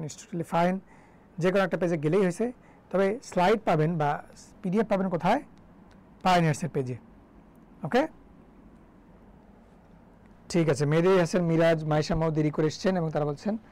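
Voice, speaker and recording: A man's voice: high-pitched, darkish tone, low-quality recording. A young man from Bangladesh teaching English grammar in a live online class, chatty and joking as he quizzes students. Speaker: English tutor.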